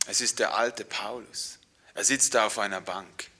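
A man preaching a sermon, dramatic, moving from whispers to loud exclamations. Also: fairly low pitch, steady tone, a little slow.

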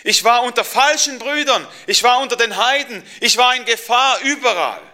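A man's voice: extremely high pitch, animated, moderate pace, pushed and bright, pitched above the performer's own voice, heavily acted. A man doing an aged, battle-worn apostle. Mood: intense. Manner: intense, stammering, climbing in force. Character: aged apostle, hardened by suffering.

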